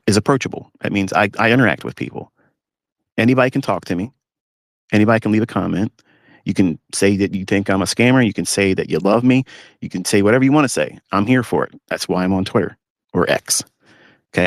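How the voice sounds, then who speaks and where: A man's voice: deep voice, no room sound, clean studio sound. Blunt man lecturing from his pickup truck. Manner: blunt, scornful, animated lecturing. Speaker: host. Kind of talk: casual talk on a live audio stream.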